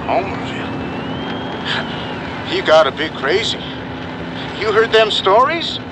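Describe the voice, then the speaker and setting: An actor playing a cryptic trucker who talks in heavy CB slang, heard over a CB radio. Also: male voice, sits high, big pitch swings, slow, heavily acted. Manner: heavy CB trucker slang, ends turns with "come on". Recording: CB radio voice with loud engine noise.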